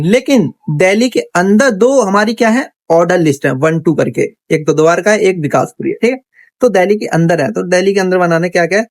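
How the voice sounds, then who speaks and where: A coding instructor with a high voice chats through a casual screen tutorial, reasoning aloud and regularly checking in with "theek hai." The recording has no echo.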